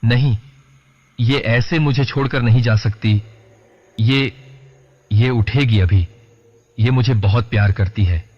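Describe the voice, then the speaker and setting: A man's voice: medium pitch, takes it slowly, pauses often, in a large hall. A man voicing a grief-stricken young man who wails desperately in a lo-fi recording. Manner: wailing, desperate. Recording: lo-fi dull recording.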